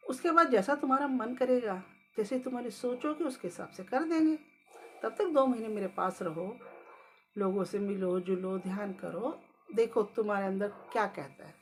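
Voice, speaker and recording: A woman storyteller voicing the Buddha as a calm, gentle male sage who speaks softly and patiently. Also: medium pitch, moderate pace, a little hiss or hum, close to an everyday voice. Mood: calm kindly.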